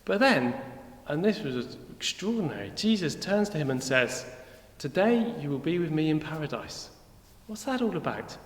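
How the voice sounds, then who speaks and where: A man's voice: fairly high pitch, sing-song, moderate pace. A man playing a rambling Roman centurion. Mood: puzzled. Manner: rambling, conversational, wry. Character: weary male Roman centurion, chatty, blunt. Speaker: actor in church children's video. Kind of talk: comic monologue. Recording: echoey hall with long reverb.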